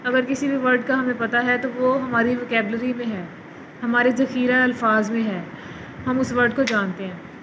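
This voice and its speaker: A woman teaching an online English class. Her voice sits a little high. She reads each word slowly, then explains it patiently, with a faint hum of room noise behind her. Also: fairly even intonation. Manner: slow, careful reading of English words, then explaining in Urdu-Hindi.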